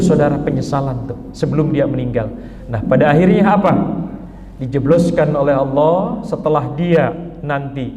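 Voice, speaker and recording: A man preaching a sermon in a mosque, emphatic, his voice rising high when he voices a pleading sinner. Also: dark tone, slight background noise. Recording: muffled hall recording with long reverb.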